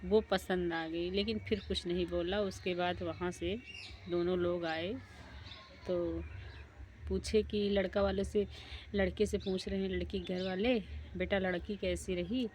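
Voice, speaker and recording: A woman's voice: fairly low pitch, little pitch movement, a little slow, darkish tone, slight background noise. A woman casually telling a folk tale in a plain, repetitive way. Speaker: storyteller. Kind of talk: casual oral storytelling.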